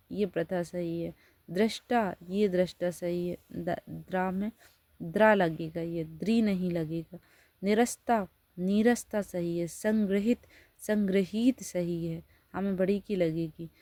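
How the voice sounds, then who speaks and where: A woman's voice: on the low side, warm tone, dry recording. A woman teacher giving a Hindi spelling lesson. She reads each word out, then explains and corrects it.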